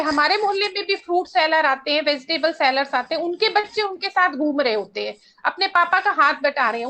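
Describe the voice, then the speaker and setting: A woman's voice: very high voice, pushed and bright. A woman speaking as a panel guest, insistent and argumentative. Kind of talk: panel discussion.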